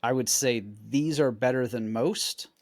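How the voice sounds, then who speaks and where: A man's voice: mid-range voice, measured pace, dry recording. Chill guy cohosting a podcast, walks you through stuff, dead dry sound. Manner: relaxed, explanatory, demonstrates with tins. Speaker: podcast co-host. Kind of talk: casual chat.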